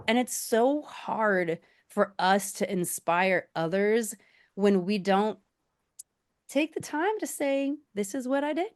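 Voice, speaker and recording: A woman hosting a podcast interview, talking in an encouraging, coaxing and emphatic way. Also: mid-range voice. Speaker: podcast host. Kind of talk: interview chat.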